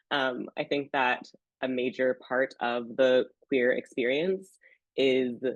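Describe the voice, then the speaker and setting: A woman's voice: extremely low pitch, no echo. A woman psychologist with a slight cold, giving an earnest online workshop talk with many ums. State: sick, getting over a cold. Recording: dry, dull lo-fi sound.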